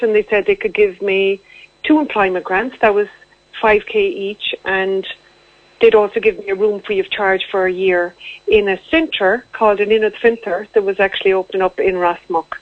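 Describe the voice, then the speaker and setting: Heard over a tinny, narrow-band telephone line with no echo, this medium-pitched woman speaks with a west of Ireland accent. As a guest in a radio interview, she relates her own story in a conversational, matter-of-fact manner.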